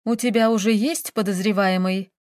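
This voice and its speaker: A woman voicing a brisk, dryly teasing young woman, a detective, in an audiobook. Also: medium pitch, steady tone, darkish tone, no echo, clean studio sound, lightly acted. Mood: firm, teasing.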